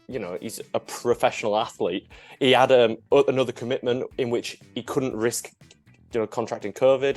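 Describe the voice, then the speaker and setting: A young man, a comedian, tells a story in a loose, casual way at a middle pitch. He is animated, breaks into laughter often and swears freely. His voice is close and dry, with faint music behind. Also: no echo. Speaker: comedian guest.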